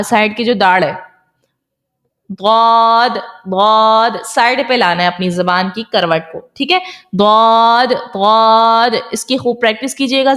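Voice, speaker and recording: Woman tajweed teacher, Pakistani Urdu accent, patient, slightly high voice, drills sounds slowly. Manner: patient, explanatory, repeats sounds slowly for practice. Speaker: Quran recitation teacher. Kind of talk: online tajweed lesson.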